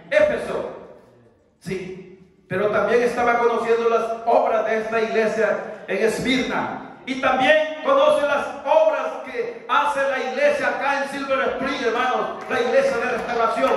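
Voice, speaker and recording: A middle-aged man preaching a fervent sermon from a church pulpit, again and again addressing his listeners as brothers. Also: extremely high pitch. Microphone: far camera in the pews. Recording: echoey hall from far off.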